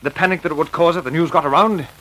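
An actor playing a nervous, evasive doctor who runs an asylum, flustered and defensive in vintage radio drama style. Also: male voice, fairly high pitch, rapid-fire, sharp tone, rough recording. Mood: defensive, alarmed.

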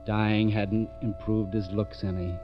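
In a muffled old 1940s radio drama, an actor voices a hardboiled police lieutenant narrating his own case over music. His natural, fairly low voice barely shifts in pitch, and he delivers the lines at a measured pace, dry, clipped and sardonic.

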